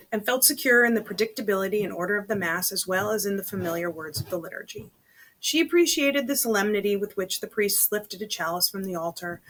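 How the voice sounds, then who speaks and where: A woman with a mid-range, fairly bright voice reads a novel aloud as a chatty storytelling host, and the recording quality is low. She keeps breaking off to drop casual, muttered asides in an undertone.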